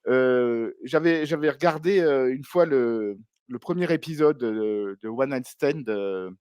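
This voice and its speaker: A man's voice: mid-range voice, measured pace, a little mellow, clear, resonant tone, no echo, studio quality. A man co-hosting a podcast, chatty and hesitant with many fillers. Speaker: podcast co-host. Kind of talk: casual podcast chat.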